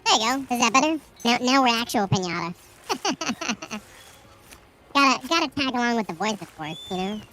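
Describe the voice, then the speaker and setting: A man voicing a talking piñata through a pitch-raising voice changer, joking playfully. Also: sing-song, normal speed, bright, forceful tone, full character voice, low-quality recording. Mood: silly. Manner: playful, joking self-aware banter.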